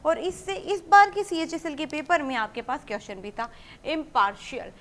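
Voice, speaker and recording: High-voiced woman teaching vocabulary. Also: fairly bright tone. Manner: explains words step by step, asks and answers her own questions; reads English example sentences slowly and clearly. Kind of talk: vocabulary lesson for exam students.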